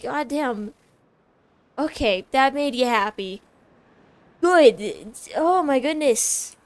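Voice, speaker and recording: Excitable high-voiced woman gamer. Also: takes it slowly. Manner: excitable, squealing, chatty. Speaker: gameplay streamer. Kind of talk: casual gameplay commentary.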